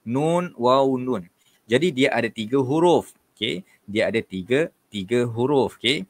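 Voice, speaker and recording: Man, Malaysian Malay accent, patient tajweed teacher, repeats corrections, middle pitch, dry close sound. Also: animated, no echo. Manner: patient, repeats letters and corrections, often says okey and tuan-puan; chants verses slowly when demonstrating. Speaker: Quran recitation teacher. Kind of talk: relaxed online tajweed lesson.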